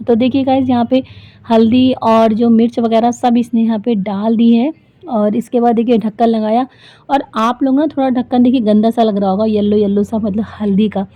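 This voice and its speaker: A woman's voice: a little high, dry recording. A woman in her thirties, a vlogger and homemaker, talking in a chatty, rambling way full of fillers as casual vlog voice-over. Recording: dry, thin phone-like sound.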